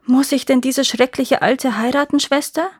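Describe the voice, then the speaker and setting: A woman voicing frightened young brothers, timid and pleading, a bit higher than her reading voice. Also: steady tone, moderate pace, breathy edge, no room sound, studio quality.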